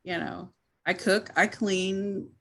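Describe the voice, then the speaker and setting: A woman's voice: medium pitch, steady tone, takes it slowly, vocal fry. A woman chatting casually as an online video creator, modest and somewhat hesitant in how she talks. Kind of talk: casual chat.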